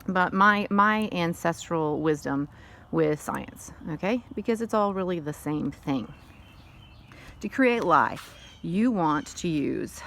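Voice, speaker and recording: A woman's voice: lowish voice, vocal fry, fairly bright tone. Rambling, chatty woman outdoors. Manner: rambling, chatty, wanders into tangents. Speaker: vlogger showing how to make lye. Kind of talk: casual how-to demonstration. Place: outdoors on a sunny day by a wood fire.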